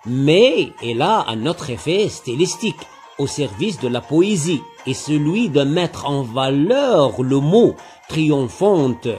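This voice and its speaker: A man giving a literature lesson, analysing a poem slowly and deliberately, spelling out syllables. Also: on the high side, sing-song, a little mellow, faint music behind. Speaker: literature teacher. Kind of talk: lecture-style poem analysis.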